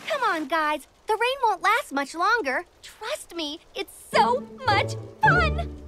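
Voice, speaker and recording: A woman's voice: very high-pitched, sing-song, slow, loud music behind the voice, heavily acted. A woman playing a cheerful, encouraging young fashion-doll woman in a cartoon, upbeat and coaxing. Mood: excited coaxing.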